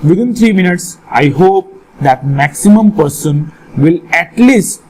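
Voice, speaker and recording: A man's voice: on the high side, animated, unhurried, a little mellow, breathy edge, rough recording. A man with a North Indian accent teaching a live online lesson, questioning and instructing students and often repeating his phrases. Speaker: accountancy teacher.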